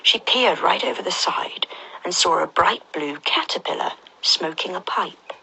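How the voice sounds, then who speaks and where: A woman reads a children's storybook in a soft, half-whispered and gentle voice. Her voice sits low but sounds bright and very breathy. It fits a calm story read aloud. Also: measured pace, poor audio.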